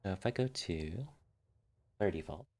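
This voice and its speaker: A man's voice: low voice, animated, a little slow, a little mellow. A man streaming while building a game, casually thinking aloud and muttering settings as he tinkers.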